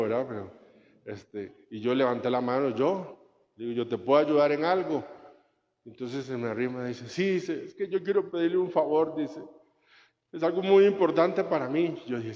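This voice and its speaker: A man's voice: mid-range voice, darkish tone. A man, a priest, giving a conversational homily with anecdotes and rhetorical questions. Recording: muffled sound with long church reverb.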